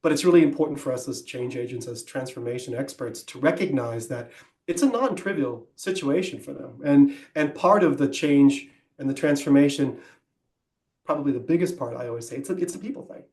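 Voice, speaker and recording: Co-hosting a conversational business podcast, a man works through ideas thoughtfully, explaining as he goes, often pausing on "um" and restarting sentences. His medium-pitched voice is expressive and a little mellow, with noticeable room echo.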